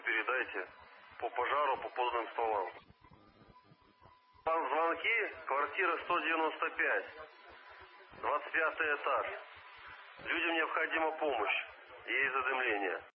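A man's voice: mid-range voice, measured pace, long pauses. A man, a firefighter crew leader, gives terse, formal reports over a two-way radio, using call signs and closing each transmission with "over". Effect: heard over a two-way radio. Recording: muffled radio transmission with faint hiss.

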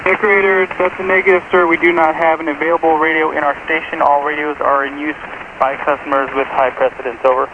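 Very fast-talking man on crackly military radio. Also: on the high side, flat delivery. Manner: brisk, courteous, procedural. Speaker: military radio station operator. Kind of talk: formal military radio procedure. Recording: tinny, noisy military radio link.

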